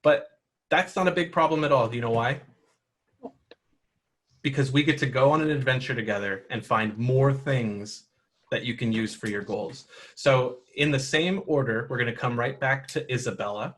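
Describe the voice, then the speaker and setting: A man's voice: medium pitch, moderate pace, a bit bright. Patient man guiding kids through a game. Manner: patient, encouraging, explains rules step by step. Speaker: game master. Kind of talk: narrating a tabletop game for children.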